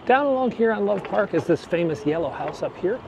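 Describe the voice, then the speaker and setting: A vlogger films a city bike ride on an action camera, narrating casually in a chatty, rambling way and correcting himself as he goes. His voice is high and expressive, with a brisk pace and vocal fry. Traffic, street noise and city ambience surround him outdoors.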